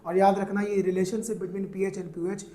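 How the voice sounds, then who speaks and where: A man teaching chemistry in a classroom lecture, asking students questions and answering them himself, calling them "beta," and drawing out English terms slowly. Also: high-pitched, flat delivery, mellow, roomy sound. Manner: mixes English terms into his talk, drawn out slowly.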